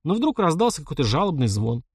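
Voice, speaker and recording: A man narrating an adventure novel in an even storytelling voice. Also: a little high, fast talker, husky, dry recording, clean studio sound. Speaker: audiobook narrator. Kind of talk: scripted narration.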